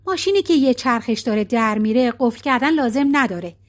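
Woman playing a hesitant old man, vague, noncommittal, high voice, audiobook. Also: expressive, natural voice.

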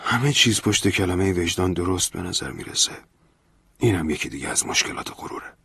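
A man's voice: sits low, lively intonation, creaky, sharp tone, slightly rough, no room sound, clean studio sound, heavily acted. A man voicing a stern, preachy priest who lectures in an earnest, raised voice. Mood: gently insistent. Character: stern older male priest, pleading, preachy.

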